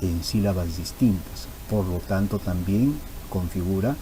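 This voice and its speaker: A man's voice: deep voice, a little slow, mellow, a little hiss or hum, rough recording. A man teaching a grammar lesson, patient and repeating key terms for emphasis.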